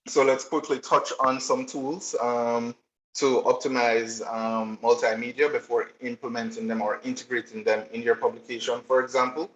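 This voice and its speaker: A man delivers a technical presentation in a steady, explanatory way, scattering ums through his sentences. The recording is roomy and a little dull, as if captured on a computer mic in an echoey room. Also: medium pitch.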